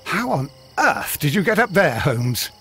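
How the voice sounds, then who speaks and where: A respectable Victorian doctor in a video game, fussy and indignant, with an English accent. His voice runs a little high and swoops with exasperation, yet his delivery is slow and measured. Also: very animated, sharp tone, faint music behind, exaggerated voice. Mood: alarmed, exasperated.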